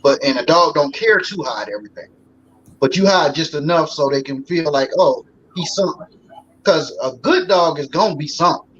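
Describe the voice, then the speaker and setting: A man's voice: on the high side, expressive, normal speed, a bit bright. A man in his forties, a guest on a talk show, talking in a loose, folksy way with lots of fillers. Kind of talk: casual talk show conversation. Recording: slightly dull sound with faint noise.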